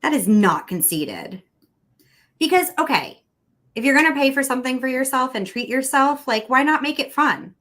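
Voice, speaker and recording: A woman in her thirties hosting a casual chat, chatty and expressive, laughing often. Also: high-pitched, normal speed. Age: 30s. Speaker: host. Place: home room with neon light.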